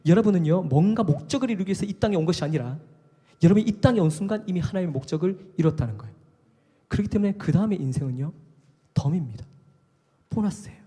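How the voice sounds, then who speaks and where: Brief: male preacher, high husky voice, animated conversational sermon. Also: quick pace. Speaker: worship leader preaching. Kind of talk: live sermon. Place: live worship service in a hall. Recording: long hall reverb.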